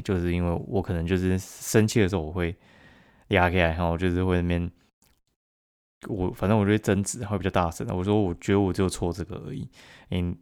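A man with a Taiwanese Mandarin accent hosting a casual solo podcast, blunt and profane, laughing at his own stories and jumping louder and higher when he mimics other people. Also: vocal fry. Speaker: podcast host.

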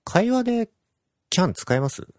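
A man's voice: sits high, sing-song, unhurried. A man in casual talk who asks curious questions. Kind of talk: casual chat.

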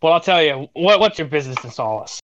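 A man's voice: on the high side, expressive, fast, fairly bright tone, dull audio. A man voicing a tired male town guard in a tabletop game, speaking wearily and casually. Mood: weary. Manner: weary and casual.

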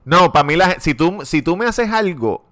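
A man's voice: fairly high pitch, moderate pace. A man with a Puerto Rican accent, co-hosting a podcast and telling stories in casual chat, acting out the voices of the people he quotes. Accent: Puerto Rican Spanish. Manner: animated storytelling, acts out quoted voices, laughs often. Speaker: podcast co-host.

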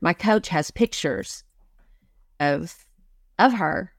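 A woman's voice: on the low side, lively intonation, slow pace, gravelly, no room sound, studio quality. A middle-aged woman, a business coach interviewed as a guest, speaking earnestly and emphatically and often repeating her key phrases. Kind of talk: motivational interview talk.

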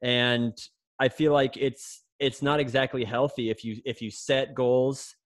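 A man's voice: medium pitch, level tone, measured pace, no room sound. A young man, a former pro runner, chatting on a podcast and telling a long story with many restarts and fillers. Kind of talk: casual podcast chat.

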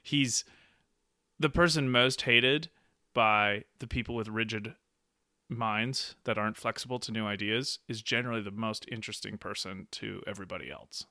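A man talks through a classic novel with keen enthusiasm, often breaking into laughter and playing out the lines he quotes. His voice is bright and forward, recorded close and dry with no room sound. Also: on the low side, moderate pace, no echo. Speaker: discussion co-host. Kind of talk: casual literary discussion.

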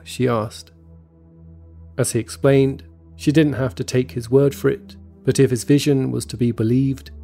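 A man narrating a scripted true story in a measured, even storytelling manner. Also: medium pitch, creaky. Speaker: podcast narrator. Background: faint background music.

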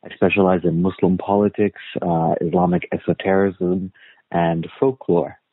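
A man from the United States, appearing as a guest historian, speaks in a low, level voice at normal speed in an informal interview. Thoughtful and storytelling, he restarts frequently and fills in with "uh" and repeated words. The audio is dry and tinny, like a phone line.

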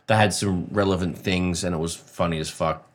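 Man, lower-pitched voice, podcast co-host, laddish banter, slang and swearing. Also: steady tone, normal speed. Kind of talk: casual banter chat.

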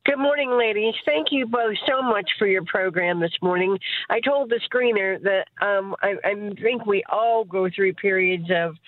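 A woman's voice: medium pitch, normal speed, no echo. A woman calling in to a radio show, grateful and enthusiastic, a little hesitant in her words. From United States. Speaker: caller. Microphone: telephone. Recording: tinny phone line, dry.

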